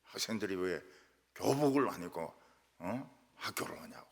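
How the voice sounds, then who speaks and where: A male pastor from Daegu, preaching a sermon as lively storytelling, with sudden loud jumps and quiet asides. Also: sits low, moderate pace. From Daegu, South Korea. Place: church sanctuary. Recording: church hall reverb.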